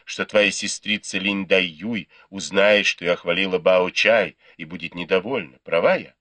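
A man voicing a proud, quick-tongued young noble lady in an audiobook, reproachful and teasing. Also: deep voice, sharp tone, no echo. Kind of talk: audiobook character reading.

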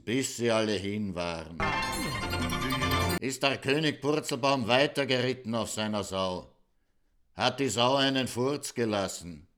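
A man reading a folk tale aloud in a measured, deadpan way. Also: medium pitch. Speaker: storyteller.

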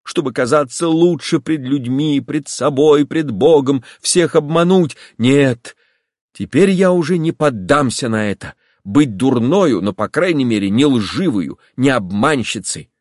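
A man reading an audiobook voices an impulsive young woman, pleading and agitated, in a lively character voice. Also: medium pitch, measured pace, dry recording, clean studio sound, pitched above the performer's own voice.

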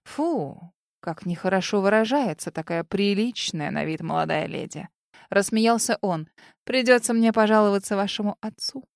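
A smug young male villain in an audiobook, coolly mocking and menacing, his voice pushed low and quiet, as a woman puts him on. The reading sounds dry and close. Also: animated, normal speed, creaky, no room sound. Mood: mocking menace.

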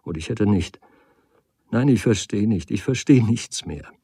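A man's voice: fairly low pitch, lively intonation, measured pace, mellow, husky, no echo, exaggerated voice. A man reading the part of a desperate woman who weeps, pleads and reproaches her lover. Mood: pleading. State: crying.

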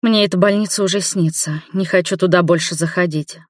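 For audiobook dialogue, a reader voices a tired, blunt middle-aged woman who replies dryly and curtly, with a weary mood. The voice is lowish and fairly even, brisk, lightly acted, with no echo.

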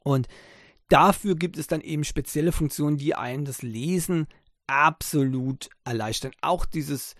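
A chatty man with a slightly high voice talks into a close, dry mic. He rambles through tech-podcast topics with plenty of "äh" and "ähm" fillers. Now and then he drops in a sarcastic aside. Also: normal speed, no room sound. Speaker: podcast host. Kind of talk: casual tech podcast talk.

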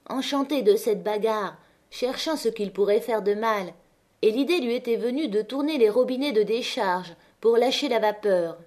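Lady narrating an audiobook, steady dramatic reading, middle pitch. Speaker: audiobook reader.

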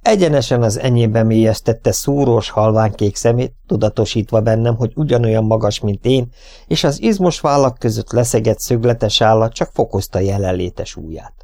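A man narrating an audiobook in an even, measured storytelling way. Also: on the low side.

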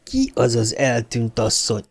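A man reading the quiet, bitter inner thoughts of a frightened, battered middle-aged woman in an audiobook. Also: medium pitch, steady tone, vocal fry, natural voice. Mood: bitter, shaken. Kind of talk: audiobook character voice.

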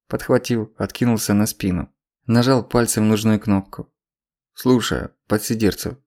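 A man narrating an audiobook in a steady, measured reading. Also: fairly low pitch. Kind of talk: scripted narration.

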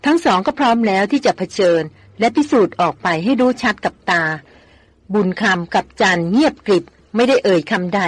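An audiobook reader narrating a jungle adventure novel in steady, measured storytelling. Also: medium pitch, breathy edge, no echo.

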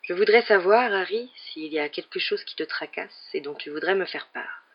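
A man voicing an old wizard headmaster who speaks calmly and gently, in a storybook reading. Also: high-pitched, moderate pace, dull audio. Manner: calm and gentle. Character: old male headmaster wizard, calm and grave.

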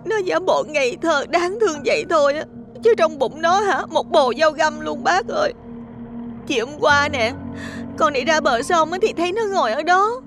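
A man's voice: very high voice, voice pushed up. A man voicing a spiteful young village woman, speaking in a whiny, fake-crying storytelling voice. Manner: fake sobbing, whiny and pleading.

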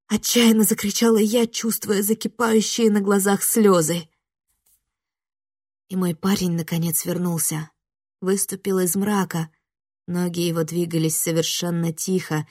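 Husky woman reading a horror story. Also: medium pitch, no echo, clean studio sound. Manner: tense, dramatic storytelling. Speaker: audiobook narrator. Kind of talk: scripted first-person horror narration.

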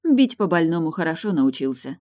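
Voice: medium pitch, very animated, brisk, a little mellow, dry recording, natural voice. A cutting, mocking woman who leans on a cane and never backs down, voiced by an audiobook reader. She talks with biting scorn, her lines lifted a bit above the reader's own voice. The recording is dry and close. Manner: mocking, bitter. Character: sharp-tongued woman on a cane. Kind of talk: audiobook character voice.

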